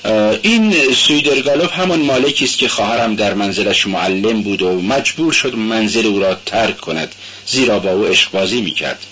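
A man reading aloud and voicing an anxious, brooding young male student in a low, subdued, uneasy way. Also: expressive, bright, forceful tone, highs cut off.

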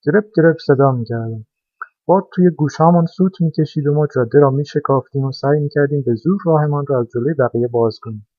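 A man voicing an eager, boastful go-kart that tells its tale with lively excitement, as a storybook character. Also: on the high side, dry recording, natural voice. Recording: dry, dull lo-fi recording.

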